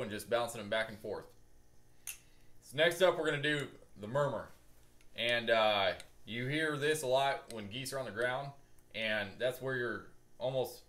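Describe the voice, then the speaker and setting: A man's voice: mid-range voice, fairly bright tone. A young man giving a casual, laid-back and reassuring how-to talk as a hunting-call instructor. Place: garage with boat and hunting gear. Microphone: camera a few meters away. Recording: echoey garage, noticeable background noise.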